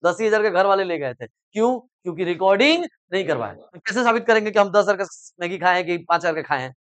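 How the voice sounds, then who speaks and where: A middle-aged male teacher lectures in a coaching classroom with a high voice, talking very fast. He explains in simple terms with everyday examples and keeps prodding students to answer whether they follow. The sound is dry and close. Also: animated, a bit bright, dry recording. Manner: repeatedly asks "samajh mein aa raha hai?" and prods students to answer.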